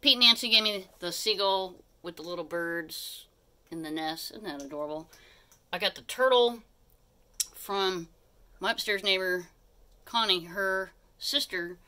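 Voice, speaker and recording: Woman, middle-aged, bright forceful voice; chatty, easily sidetracked home-tour vlogger, recorded in a small living room. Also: fairly low pitch, a little slow. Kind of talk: casual rambling live narration. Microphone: handheld phone held by the person filming.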